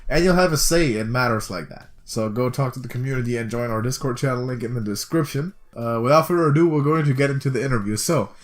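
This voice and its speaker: A male co-host in a loose gaming talk show. He sits at an ordinary middle pitch and keeps a sarcastic, joking tone, with mock-aggressive jabs thrown in. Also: fast, few pauses. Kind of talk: casual podcast chat.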